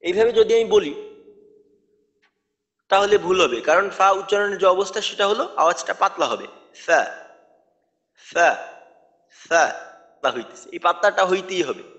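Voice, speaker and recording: High-voiced man teaching letter sounds. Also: animated, brisk, a bit bright, in a large hall. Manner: patient, repeats letter sounds to demonstrate pronunciation. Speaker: tajweed teacher. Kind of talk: recorded online lecture.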